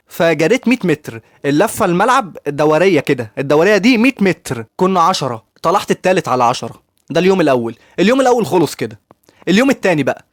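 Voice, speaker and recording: Young egyptian guy rattling off his story super fast, kinda high voice, dry close sound. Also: dry recording. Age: young adult. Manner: rapid, chatty, addresses viewers directly. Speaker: YouTuber giving student advice. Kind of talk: casual storytelling vlog.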